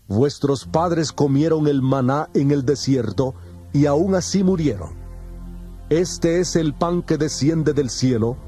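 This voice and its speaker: Jesus, a solemn teacher. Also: male voice, on the high side, dark tone. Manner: measured, solemn, declamatory. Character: Jesus, calm solemn teacher, adult man. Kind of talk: dramatized scripture reading. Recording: music playing behind the voice. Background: background music.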